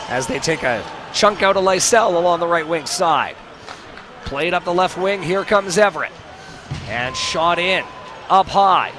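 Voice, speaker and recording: A man doing live hockey play-by-play in clipped phrases, breaking into shouts on big plays. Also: high-pitched. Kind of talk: live sports play-by-play commentary. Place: hockey arena broadcast position. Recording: loud crowd noise, arena ambience.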